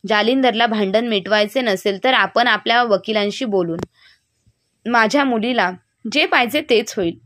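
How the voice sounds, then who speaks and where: A woman's voice: fairly high pitch, moderate pace, a bit bright, slight background noise, close to an everyday voice. A woman voicing a protective middle-aged mother who speaks in a soothing but firm way.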